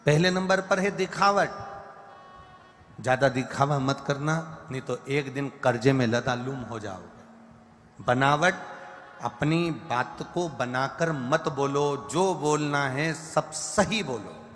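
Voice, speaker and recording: A man's voice: mid-range voice, fairly bright tone. A man giving a devotional sermon at a large religious gathering, preaching in repeated lists and rhythmic phrases. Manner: sings verses slowly, then preaches in repeated lists. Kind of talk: devotional sermon with sung bhajan lines. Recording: live broadcast with long reverb and faint music.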